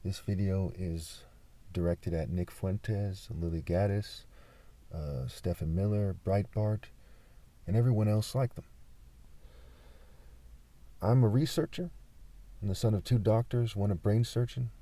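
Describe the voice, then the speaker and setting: A man from California talking insistently in an unscripted vlog monologue, pausing often with fillers. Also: on the low side, warm tone. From California, USA. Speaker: vlogger.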